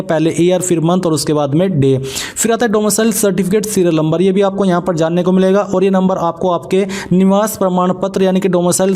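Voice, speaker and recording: A man with a high-sitting, dark-toned voice presents an online tutorial. He walks through each step instructionally, sprinkling English terms into his narration.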